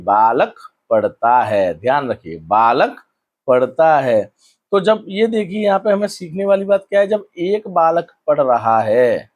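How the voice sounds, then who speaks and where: A male teacher explaining a school lesson, asking questions and answering them himself, drawing out key words slowly. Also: fairly high pitch, dull audio.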